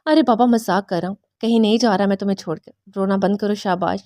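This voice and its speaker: A woman's voice: mid-range voice, warm tone, no echo, clean studio sound, natural voice. A woman reading the lines of a playful young husband who teases his wife. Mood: soothing. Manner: mischievous, bantering.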